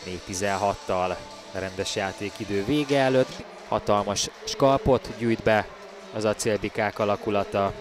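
A man giving excited ice hockey commentary, with his voice rising loudly for the big plays. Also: on the low side, over music. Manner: bursts into loud, raised calls on goals.

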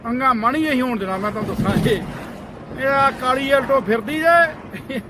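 A very high-pitched man rants loudly outside, warning strangers off his sugarcane. He barks repeated orders to clear off, half comic and half threatening. Traffic and road noise sit clearly under his voice. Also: brisk. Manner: loud, scolding and threatening, with repeated shouted commands. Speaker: farmer guarding his sugarcane field. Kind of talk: comic outdoor rant to camera. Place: outdoors by a road near fields. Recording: noisy outdoor roadside recording.

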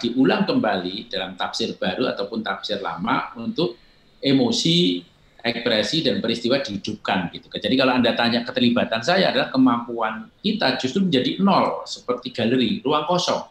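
A man's voice: medium pitch, lively intonation, a bit bright. Older man explaining filmmaking, roomy echo. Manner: measured, explanatory, acts out quoted exchanges. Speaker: film director, guest. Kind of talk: reflective interview answers.

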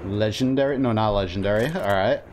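A man's voice: on the low side, a little fast, noisy background. Rambling male game streamer. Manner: rambling, informal, reacting aloud. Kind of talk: casual live gameplay commentary. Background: game ambience.

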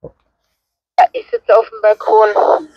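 A woman's voice: fairly high pitch, wildly swooping pitch, slow pace, dry recording, lo-fi sound. Woman heard over a walkie-talkie. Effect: heard through a handheld two-way radio. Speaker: radio test partner. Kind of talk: short radio check-ins. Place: on a balcony, then indoors.

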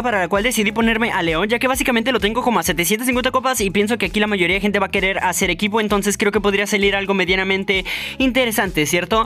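A young man giving playful, excitable gameplay commentary to his viewers. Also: high-pitched. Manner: excitable, playful, addresses viewers, shouts at big moments. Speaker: gaming YouTuber.

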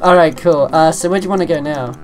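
A man's voice: a little high, quick pace, over music. A man guiding a friend through a game in casual chat, giggly and encouraging. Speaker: guide on a co-op playthrough.

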